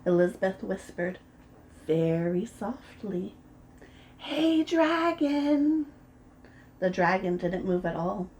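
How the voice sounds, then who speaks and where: A woman reading a children's picture book aloud, gentle and expressive as a preschool storyteller. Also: on the low side, measured pace, a little hiss or hum. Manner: gentle and expressive, voices the characters.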